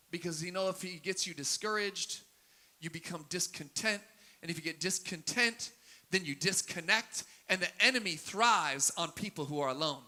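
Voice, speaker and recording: A man preaching a sermon as pastor, repeating phrases in a steady cadence that swells into emphatic peaks. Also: high-pitched. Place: church sanctuary.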